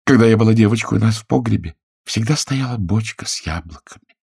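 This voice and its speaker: A man voicing a fussy, worried fifty-year-old wife in an audiobook, with a creaky, husky raised voice. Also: expressive, brisk, a little mellow, dry recording, clean studio sound, heavily acted. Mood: fretful. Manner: raised, sing-song pitch. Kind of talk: audiobook character voice.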